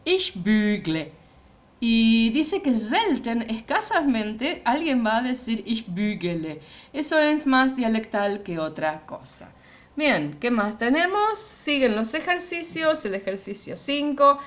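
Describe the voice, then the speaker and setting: A woman leads a German lesson in a fairly high voice. Her pitch moves up and down a lot as she explains the grammar. She slows down to say each German example sentence with care and often stops to ask "¿ya?". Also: sing-song. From Argentina. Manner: checks understanding with a frequent "¿ya?". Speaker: German teacher. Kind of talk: explaining grammar exercises in a recorded class.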